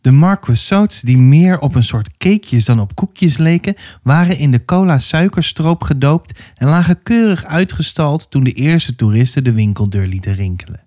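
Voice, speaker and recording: Calm man narrating a children's book. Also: a little high, normal speed, few pauses. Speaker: audiobook reader.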